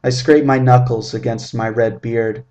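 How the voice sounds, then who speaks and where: Twenty-something guy reading his own story, measured and descriptive, ordinary mid pitch. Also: steady tone, a little mellow. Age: 20s. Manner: measured, vivid descriptive delivery. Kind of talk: literary first-person story reading.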